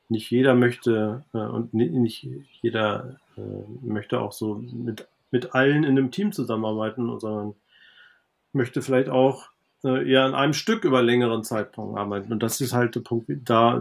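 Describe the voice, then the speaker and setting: A man talking as a podcast guest in a relaxed interview, thinking aloud with many fillers and restarts. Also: medium pitch, gravelly, slightly rough. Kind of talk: conversational interview.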